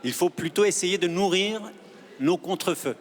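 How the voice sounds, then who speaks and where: A man argues earnestly as a guest in a studio debate. He hesitates with fillers as he thinks aloud. His fairly high voice carries a long studio reverb. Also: moderate pace. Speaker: guest panelist.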